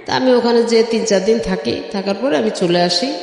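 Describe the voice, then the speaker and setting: A middle-aged Bangladeshi woman tells her life story step by step in an interview, leaning on frequent filler phrases. Her voice is on the high side, creaky and darkish, and she talks fairly quickly. The recording is very echoey, with long reverb.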